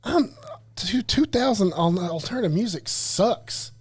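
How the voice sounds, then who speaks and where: High male voice, casual rambling co-host, jokey and loose. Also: lively intonation, a little mellow, husky. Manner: rambling, jokey, quick to laugh. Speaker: podcast co-host. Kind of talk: casual chat. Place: studio.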